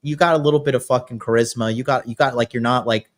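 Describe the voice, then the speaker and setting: Quick-paced but steady in tone, the medium-pitched voice is that of a male podcast host in his late thirties. In casual conversation he's crude, loud-mouthed in attitude, and full of boasts.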